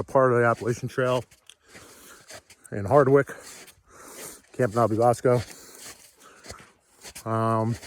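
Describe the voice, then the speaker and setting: A man's voice: medium pitch, darkish tone. A man talking casually and bluntly to a camera while hiking outdoors, out of breath and breathing heavily. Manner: blunt, salty, joking self-deprecation. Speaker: hiking vlogger, group leader. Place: outdoors on a snowy hiking trail.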